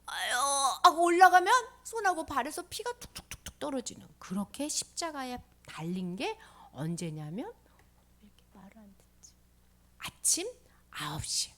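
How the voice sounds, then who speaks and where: High, lively woman telling a children's sermon. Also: normal speed. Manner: animated storytelling, dropping to whispers.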